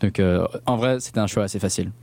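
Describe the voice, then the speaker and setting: Born in northern England but raised in Belgium, a young man talks loosely as a guest in an interview, his slangy, informal speech mixed with English words. The voice is lowish, gravelly and darkish, moving fast, and the recording is dry.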